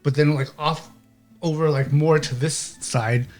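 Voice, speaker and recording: Guy running a tabletop game, kinda high voice, rambly, keeps saying okay. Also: steady tone, measured pace, darkish tone, soft background music. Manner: rambling, with many restarts and "okay?" checks. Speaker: game master.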